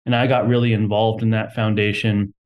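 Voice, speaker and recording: A man's voice: fairly low pitch, little pitch movement, fairly quick, highs cut off. A young man from Texas, a company co-founder, talking casually as a podcast guest with lots of "um"s and a self-deprecating humor. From Texas, USA.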